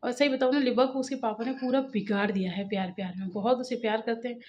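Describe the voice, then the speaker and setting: Young mother vlogging at home, talkative and rambly, slightly high voice, filmed on a muffled phone mic. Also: fairly even intonation, fast talker, darkish tone. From Uttar Pradesh, India. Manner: chatty, rambling, talks straight to viewers. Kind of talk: casual home vlog chat. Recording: dull lo-fi phone audio with faint household noise.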